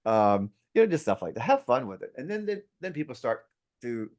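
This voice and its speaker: A man's voice: medium pitch, a little fast. Emphatic, playful male real estate instructor. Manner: emphatic, playful, lively storyteller. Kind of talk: interview conversation. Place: at home near an outdoor deck.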